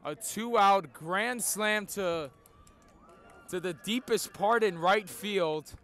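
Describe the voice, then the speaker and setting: A man doing live play-by-play baseball commentary outdoors like a radio announcer, with drawn-out, emphatic calls. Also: sits high, a bit bright. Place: outdoors at a school baseball field.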